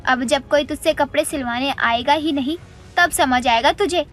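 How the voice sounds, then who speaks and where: A woman doing a nagging aunty from next door, bossy and scolding, high voice, faint music. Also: moderate pace, lightly acted. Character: nagging middle-aged neighbor aunty, proud.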